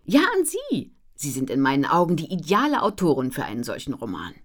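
A woman's voice: extremely low pitch, fast, heavily acted. Woman voicing a peppy book editor. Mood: enthusiastic. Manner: bright, energetic, louder. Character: upbeat female book editor, enthusiastic.

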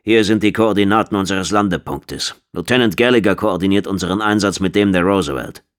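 A man voicing a gruff, impatient military commander who barks curt orders, raised above his own low voice. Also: brisk, lightly acted.

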